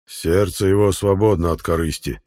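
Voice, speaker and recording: A man voicing a male fairy ruler who speaks in a measured, commanding way. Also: low voice, steady tone, dark tone, natural voice. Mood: calm.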